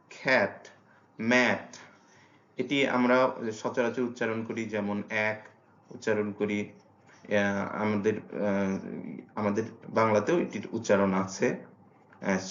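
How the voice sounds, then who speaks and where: A man teaching a language lesson, explaining slowly and filling pauses with long drawn-out "ah" sounds. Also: mid-range voice. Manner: hesitant, many drawn-out "ah" fillers; slow and careful when modelling sounds. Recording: roomy, dull lo-fi recording.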